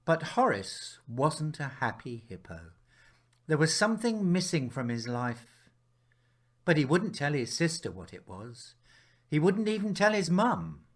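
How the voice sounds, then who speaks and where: A man, the author of a picture book, reads his children's story aloud slowly and without hurry. His pitch rises and falls in a lively way, and he uses dramatic pauses and hushed moments like a storyteller.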